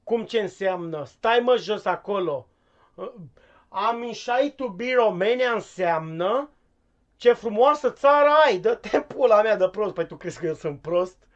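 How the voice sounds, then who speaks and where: A man's voice: high voice, expressive, highs cut off. A man playing a cursing clueless English teacher. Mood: exasperated. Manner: scolding, cursing, stumbling over words. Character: clueless foul-mouthed male English teacher, impatient. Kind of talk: comic live-stream sketch.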